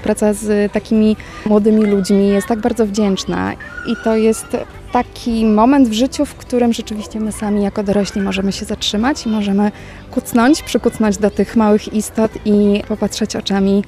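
A woman teacher answering interview questions in a reflective way, pausing often with small fillers. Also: medium pitch, fairly even intonation, mellow, faint music behind. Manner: reflective, speaks thoughtfully with pauses and "e" fillers.

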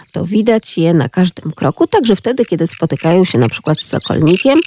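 A woman's voice: lowish voice, a little mellow, slight background noise. A woman hosting a radio nature program, addressing listeners formally and reading out contact details. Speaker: radio host.

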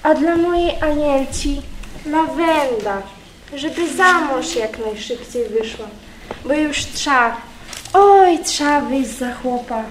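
A woman's voice: high voice, slow pace, slight background noise. A woman acting a bossy, gossipy village aunt in an amateur folk stage play, scolding in folksy rural speech. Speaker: stage actor in a school theatre group. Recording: roomy hall with faint ambience.

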